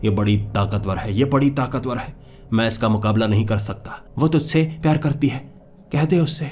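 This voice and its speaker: A man's voice: mid-range voice, normal speed, a little mellow, soft background music, close to an everyday voice. A man voicing a beaten, frightened exorcist who begs and repeats himself in a spoken horror story. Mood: begging. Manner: begging, repetitive. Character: beaten, frightened male exorcist begging for mercy.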